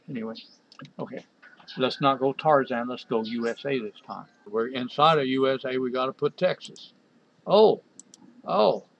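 A man narrating a screen-recorded software walkthrough, talking to himself in an exasperated way as he clicks around. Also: mid-range voice, vocal fry, muffled recording, a little hiss or hum. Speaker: software developer reviewing a program.

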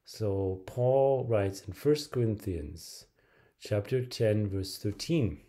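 A middle-aged man preaching to a webcam in a small bright room, his voice low and mellow. He pauses often, filling gaps with ums and restarting phrases as he goes. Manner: hesitant, many filler words and restarts. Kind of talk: video sermon to camera.

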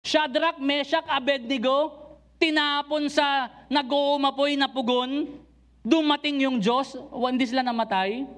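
A man with a very high voice delivers a church sermon in a mix of Tagalog and English. He talks dramatically, calls out to the congregation with constant rhetorical questions, and swings from loud urging down to low, intense emphasis. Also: steady tone, unhurried. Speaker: preacher. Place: church service.

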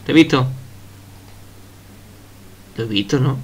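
A young man giving casual, excitable commentary over his own gameplay at home, swearing and shouting at opponents. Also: medium pitch, slow pace. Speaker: gaming youtuber.

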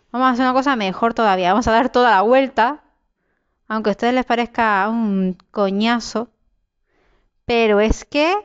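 Young Spanish-accented woman streamer, talkative, prone to yelps and curses, fairly high, smooth tone, slightly dull mic. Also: no room sound. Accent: Spain Spanish. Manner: chatty, talks to herself, sudden shrieks and swearing. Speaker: gameplay streamer. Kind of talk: casual gameplay commentary.

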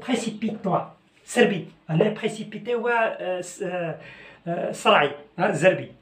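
A man with a Moroccan accent teaching French, slowly repeating phrases and switching between languages. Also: high voice, lively intonation. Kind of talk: language lesson. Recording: echoey room.

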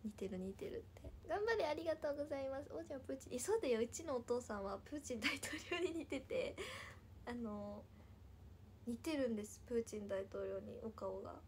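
A woman's voice: a little high, brisk, slight background noise. A woman in her twenties from Nagasaki, with a Nagasaki Japanese accent, chatting casually on a livestream, giggling often and dropping into whispers as she answers viewer comments. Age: 20s.

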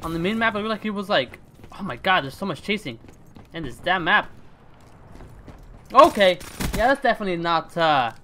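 A young man hosting his gaming channel, chatting casually and reacting out loud as he plays. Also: high-pitched, moderate pace, long pauses, slight background noise. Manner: excitable, chatty, swings between hushed focus and loud outbursts. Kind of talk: casual gameplay commentary.

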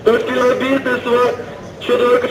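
A man acting as a ship's radio operator, giving a measured, formal report over a marine radio transmission. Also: very high voice, monotone. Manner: measured, official radio procedure. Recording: noisy, echoey, distant marine radio.

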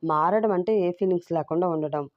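A woman's voice: lowish voice, brisk, highs cut off. A woman hosting her channel, chatting to listeners and reading a romance story aloud. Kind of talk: narrated love story reading.

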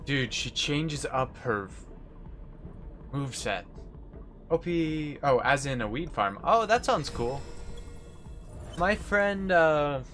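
A young American game streamer with a fairly high, slightly bright voice speaks slowly, pausing often, with lively intonation. He's at a desk in an indoor room, casually chatting with viewers as he plays, faint game music behind him.

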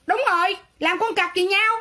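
A woman's voice: extremely high pitch, normal speed, sharp tone. A woman with a Southern Vietnamese accent ranting on a livestream, defiant and sarcastic, talking back in a quarrelsome way. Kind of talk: livestream rant.

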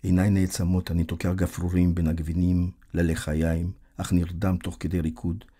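A man reading a literary audiobook in a measured, reflective storytelling manner. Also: low-pitched, level tone, mellow, husky. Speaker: audiobook narrator.

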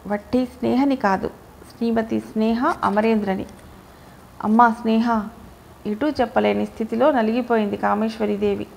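Female audiobook narrator, a bit high, with a gravelly edge, telling the story herself. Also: darkish tone, low-quality recording. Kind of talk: reading a novel aloud.

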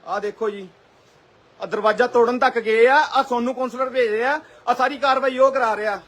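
A man's voice: extremely high pitch, fairly even intonation, moderate pace, a bit bright. A man with a Malwa Punjabi accent, a local party worker arguing and pleading during a tense confrontation. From Punjab, India. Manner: protesting, pleading and defiant. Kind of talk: heated on-the-spot confrontation.

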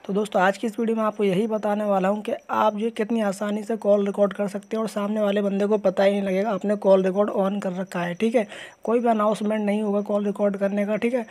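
This tech tutorial host speaks fast in a high, flat, slightly mellow voice. Narrating over a phone screen recording, he goes step by step, informal and repetitive, addressing everyone as "guys."

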